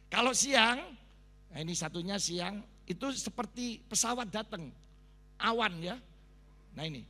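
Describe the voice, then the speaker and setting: A middle-aged man with a Javanese accent, a pastor telling a sermon story with animated sound effects and Javanese asides. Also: sits high, slight background noise. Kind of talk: sermon testimony. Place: large church hall. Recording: long reverb of a church hall.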